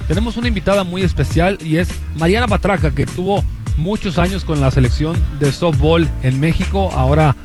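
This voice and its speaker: A man's voice: on the high side, a little fast, over music. A man hosting a sports radio show, interviewing a guest in a friendly, bantering way. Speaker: radio host.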